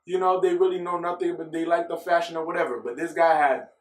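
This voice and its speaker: A man's voice: a little high, fairly even intonation, fast, echoey room, distant mic, a little hiss or hum. Chatty man vlogging football news. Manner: chatty, rambling, self-correcting. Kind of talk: casual football news vlog. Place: filmed at home in the US.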